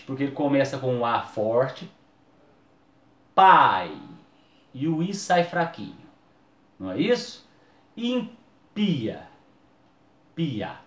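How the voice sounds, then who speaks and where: A man's voice: on the high side, a little mellow, reverberant. A man, teaching a video lesson and drawing out key words for emphasis.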